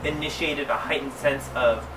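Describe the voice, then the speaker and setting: A man with a sassy drag queen delivery, reading fan fiction aloud comedically, with theatrical drawn-out emphasis and mock-scandalized asides. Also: mid-range voice, fairly even intonation, over music. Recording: roomy, distant mic, clearly noisy background.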